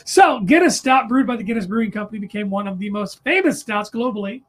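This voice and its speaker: Husky-voiced podcast co-host rambling over beers. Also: medium pitch, animated, fast talker, a bit bright. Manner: rambling, anecdotal, self-correcting. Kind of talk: casual chat over beers.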